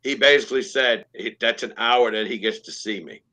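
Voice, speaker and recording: A man's voice: mid-range voice, fairly quick, pushed and bright. A man in his late fifties chatting frankly as a guest on a live stream, often restarting and repeating words. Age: 50s. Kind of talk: casual live-stream chat.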